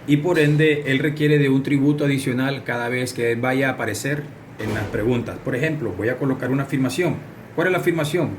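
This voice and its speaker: A man's voice: mid-range voice, a little fast, a little hiss or hum. A man, teaching a recorded English lesson and explaining directly to his students.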